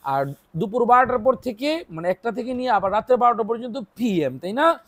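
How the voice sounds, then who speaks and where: A woman's voice: fairly high pitch, animated, a little fast, dry recording. A woman from Bangladesh teaching English to young children. She quizzes her pupils and repeats each English phrase alongside its Bengali meaning. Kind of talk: classroom teaching. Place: small classroom with children.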